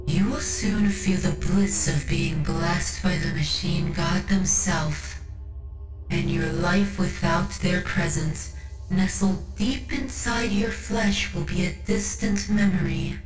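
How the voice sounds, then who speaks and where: Slow, solemn cyborg priestess acted by a woman. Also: lowish voice. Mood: tender, reassuring. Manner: soothing, reverent, formal, deliberate. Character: devout cyborg tech-priest woman, motherly, solemn, zealous mentor. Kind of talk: ASMR roleplay, scripted monologue. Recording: roomy reverb with music underneath. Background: music.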